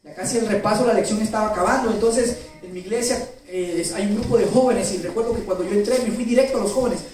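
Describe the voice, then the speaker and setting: A man's voice: high voice, fast, darkish tone. A male pastor preaching a sermon, telling a personal story emotionally and asking the congregation questions. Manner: emotional, self-described crier. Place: church. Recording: very echoey hall, mic far off, faint noise.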